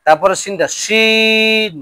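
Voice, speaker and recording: High-voiced male Quran teacher. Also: slow, pushed and bright, a little hiss or hum. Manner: drills letter sounds, asks pupils questions. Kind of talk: classroom lesson on Arabic letters.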